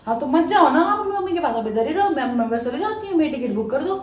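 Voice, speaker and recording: A woman's voice: high-pitched, expressive, fast talker, a little mellow. A young woman vlogger talking casually and pleading insistently into a phone camera. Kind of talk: casual chat. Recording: echoey room with faint noise.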